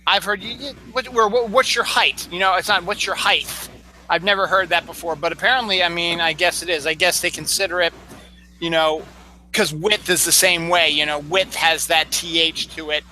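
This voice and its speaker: A man's voice: on the high side, steady tone, fairly quick, sharp tone, slight background noise, rough recording. A man co-hosting a casual chat, joking and repeating words as he tries them out. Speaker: co-host.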